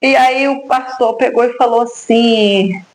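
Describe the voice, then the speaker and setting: A woman's voice: on the high side, fairly even intonation, a little slow, slight background noise, low-quality recording. A woman from Brazil, a mother giving an emotional faith testimony, talking fervently and praying aloud, moved close to tears. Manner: fervent, addresses listeners as brothers, prays aloud.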